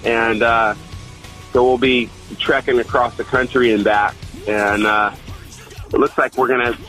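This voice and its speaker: A man's voice: medium pitch, little pitch movement, unhurried, a bit bright, faint music behind, low-quality recording. A man, a touring band member, chatting loosely in an interview with lots of fillers. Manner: laid-back, loose, full of fillers and restarts. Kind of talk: casual interview chat.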